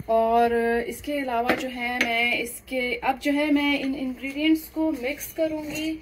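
A woman explains a home recipe step by step, unhurried and full of fillers. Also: on the high side, slight background noise, low-quality recording. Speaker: cooking channel host. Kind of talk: home cooking demonstration voice-over.

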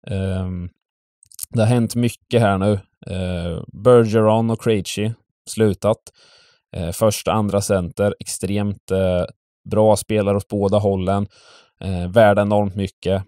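A man's voice: sits low, dark tone, dry recording, clean studio sound. A man talking casually through hockey betting tips, full of hesitations and restarts. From Sweden. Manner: hesitant, many fillers and restarts. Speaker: betting tipster host. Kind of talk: casual sports betting talk.

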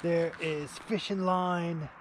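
Slow-talking man vlogging on a windy riverbank. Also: fairly high pitch. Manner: laid-back, says "man" and "dude" a lot, excitable when he lands a fish. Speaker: angling vlogger. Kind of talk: casual fishing vlog. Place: outdoors on a grassy riverbank. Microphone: action camera held close or set nearby. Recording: outdoor wind and ambient noise.

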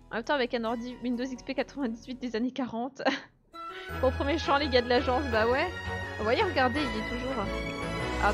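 Brief: woman streamer, bright higher voice, chatty live commentary, faint game music behind. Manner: chatty, laughs often, reads and answers chat. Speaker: let's play streamer. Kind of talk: casual live gameplay commentary.

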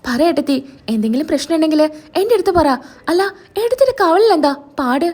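A woman's voice: very high voice, sing-song, fast, a little mellow. A woman doing an indignant, protective young man. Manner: pressing, indignant questions. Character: protective young man, brother-in-law, hot-headed.

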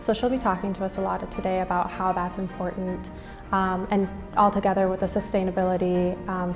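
A young adult woman from Minnesota gives an interview testimonial as a business school student, her pitch even. She's filmed indoors against a plain wall and banner, and the reverberant hall carries background music underneath.

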